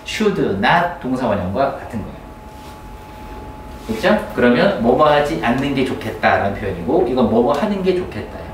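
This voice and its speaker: A male teacher giving a grammar lecture to a class, often checking in with quick questions. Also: mid-range voice, slight background noise. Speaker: English teacher. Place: classroom with students. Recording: roomy classroom, mic at a distance.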